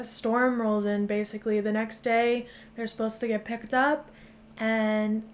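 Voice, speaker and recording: A woman's voice: fairly high pitch, a little hiss or hum. A woman hosting a podcast, casually recapping a movie plot with loose phrasing and frequent swearing. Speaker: podcast host. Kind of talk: casual chat.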